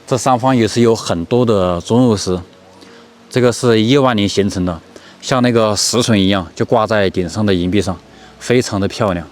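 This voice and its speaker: A man vlogging as he walks through a deep cave, describing what he sees in a plain, casual way, his voice echoing off the rock. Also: normal speed, soft background music. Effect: echo from speaking inside a deep cave. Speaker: travel vlogger. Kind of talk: casual walking-tour narration. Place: inside a large limestone cave.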